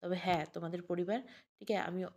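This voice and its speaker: A woman's voice: lowish voice, steady tone, fairly quick, darkish tone. A woman voicing an anxious, earnest young widower in an audio story.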